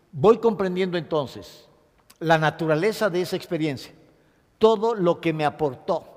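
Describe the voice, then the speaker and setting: Expressive male lecturer, high-pitched. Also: long reverb tail. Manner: expressive, acts out sobs and dictates points to note. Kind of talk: classroom lecture on grief.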